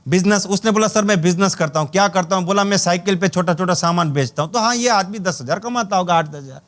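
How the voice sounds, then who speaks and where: A man's voice: high voice, quick pace, a bit bright. A man giving a motivational sales training talk, telling anecdotes and acting out dialogue with jokes. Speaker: network marketing trainer.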